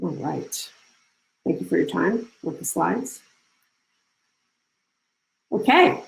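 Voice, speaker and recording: A woman's voice: on the low side, big pitch swings, slow, creaky, roomy sound, rough recording. A woman leading an online workshop, coaching volunteers in a casual, encouraging way with frequent restarts. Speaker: workshop speaker. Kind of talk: live online workshop talk. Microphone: video call.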